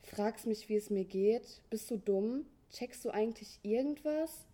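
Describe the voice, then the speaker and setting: A woman's voice: on the high side, measured pace, dark tone. A woman voicing a rude, arrogant fox who insults in street slang. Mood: mocking.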